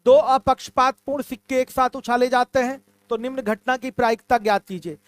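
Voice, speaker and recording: A man's voice: very high-pitched, steady tone, a little fast, clear, resonant tone, no room sound. A male math teacher giving an online class, patiently repeating key terms and calling his students "my children".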